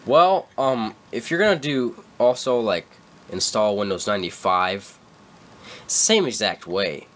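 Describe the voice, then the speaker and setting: His voice sits on the low side with a fairly bright tone, and he sounds animated yet in no rush. He's a young man with a stuffy cold making a casual screen-recorded computer tutorial from a dim room, rambling, correcting himself, and using plenty of fillers.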